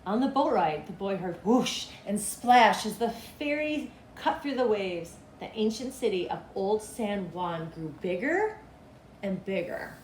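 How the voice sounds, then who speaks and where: A middle-aged woman, a school principal, reads a children's storybook aloud in an expressive, deliberate storytelling style with a mid-range voice. She is indoors in a small cinderblock schoolroom, picked up by a camera a couple of meters away. The room is echoey and background noise is clearly audible.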